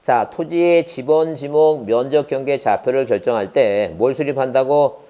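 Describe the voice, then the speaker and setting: A man's voice: mid-range voice, moderate pace, dark tone. Korean man lecturing, quizzing with rhetorical questions. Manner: rhetorical questions answered himself, repeats key terms. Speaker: law exam lecturer. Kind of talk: classroom lecture.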